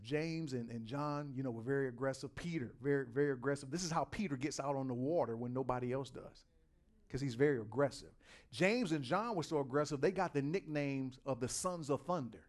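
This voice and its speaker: A middle-aged male pastor preaching a sermon, repeating words and swinging from quiet asides to loud, driving points. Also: medium pitch, expressive, a little fast.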